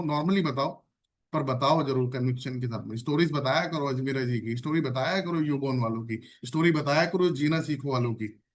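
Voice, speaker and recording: A man leading an online sales training session, repeating phrases and checking in with his trainees. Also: on the high side. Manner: energetic, repeats phrases and asks the audience questions.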